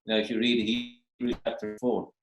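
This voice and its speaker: A man's voice: lowish voice, little pitch movement, brisk. A man teaching as a minister in a casual, rambling way that often repeats and restarts words, heard over a video call. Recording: roomy video call audio.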